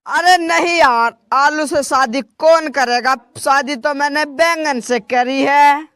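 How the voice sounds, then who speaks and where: A man's voice: very high-pitched, takes it slowly, fairly bright tone, dry recording, full character voice. A man voicing a female cauliflower, a newly married and breezy vegetable character in a comic sketch.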